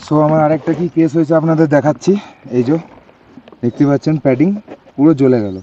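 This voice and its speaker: A man's voice: a little high, fairly even intonation, fast, warm tone, lo-fi sound, a little hiss or hum. A man vlogging his motorbike trip outdoors at a hilltop monastery, talking casually to camera and mixing English words into his speech, a bit out of breath. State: somewhat out of breath. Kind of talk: casual vlog narration to camera.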